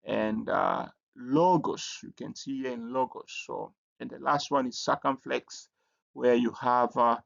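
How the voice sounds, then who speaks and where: A man gives a recorded lesson, pausing often and repeating his words as he explains each point. His voice is gravelly and he speaks slowly. The recording sounds dull and lo-fi. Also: medium pitch, steady tone, fairly bright tone. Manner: halting, many fillers and repeated words. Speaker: Greek teacher.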